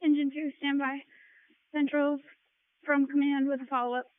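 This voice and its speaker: A woman's voice: high-pitched, little pitch movement, normal speed, no echo. A woman fire officer giving clipped, procedural incident command reports over a two-way radio. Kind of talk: firefighter radio dispatch traffic. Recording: tinny narrowband two-way radio.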